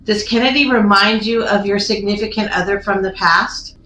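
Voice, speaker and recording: A woman's voice: mid-range voice, steady tone, moderate pace, sharp tone. A woman talking casually during a paranormal investigation, coaching and addressing a spirit directly. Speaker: paranormal investigation team member. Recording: roomy echo, some background noise.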